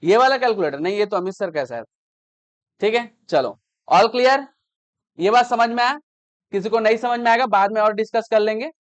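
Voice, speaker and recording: A man's voice: high voice, moderate pace, pauses often. A man teaching a math class, explaining patiently, repeating each step and checking that students understand.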